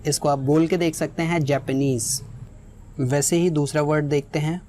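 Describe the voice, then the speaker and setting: Patient English teacher explaining pronunciation. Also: female voice, low voice, steady tone, fairly quick, warm tone, slight background noise. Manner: explains step by step, mixing in English phrases. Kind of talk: spoken lesson with examples.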